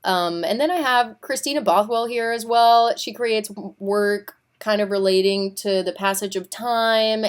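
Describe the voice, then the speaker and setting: Young woman presenting her art portfolio. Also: medium pitch. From Puerto Rico. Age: young adult. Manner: friendly, with frequent "um" and "kind of". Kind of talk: presentation narration.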